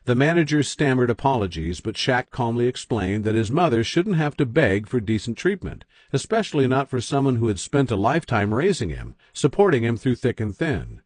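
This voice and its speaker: Husky-voiced male story narrator. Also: mid-range voice, big pitch swings, fairly quick, few pauses, no echo. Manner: dramatic storytelling.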